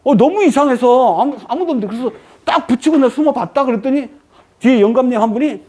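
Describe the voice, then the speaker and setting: A woman's voice: high voice, fast talker. A woman giving a lecture, asking the audience frequent questions and answering them herself. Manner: lively rhetorical questions to the audience.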